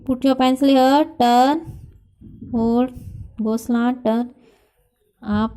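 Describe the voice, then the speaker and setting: A woman with an Indian accent teaching a spelling dictation lesson to young children, spelling out letters and sounds slowly and switching between Hindi and English. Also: on the high side, steady tone, dark tone, smooth. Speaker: kindergarten teacher.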